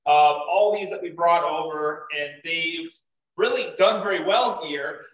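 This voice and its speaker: In a fairly high, fairly bright voice and at a slightly slow pace, a young beekeeping presenter talks informally over slides to a group, often restarting and using fillers. The recording comes from a far camera in an echoey indoor meeting room.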